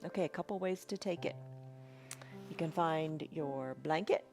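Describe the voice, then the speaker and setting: A woman leading a guided restorative yoga class in a soothing, unhurried, encouraging way. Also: low-pitched, music in the background. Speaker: yoga instructor.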